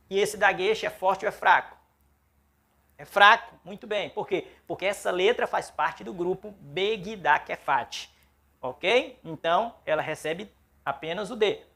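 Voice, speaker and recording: Slow, gravelly pastor teaching Hebrew. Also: male voice, high voice, fairly bright tone. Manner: patient, checks understanding with frequent "ok?"; spells out syllables slowly and repeats them. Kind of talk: classroom-style language lesson.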